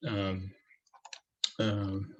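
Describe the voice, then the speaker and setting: A man from Cameroon talks through his thoughts on a book in a relaxed, unscripted way, pausing often with fillers and restarting sentences. His voice sits low and husky, and his delivery stays fairly flat. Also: dull audio. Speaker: book reviewer. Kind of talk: casual spoken book review. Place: United States.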